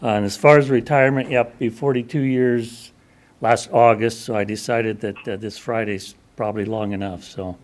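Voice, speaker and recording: A man in his sixties, a retiring park superintendent, giving brief, halting thanks with many fillers. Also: mid-range voice, steady tone. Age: 60s. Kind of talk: brief thank-you remarks.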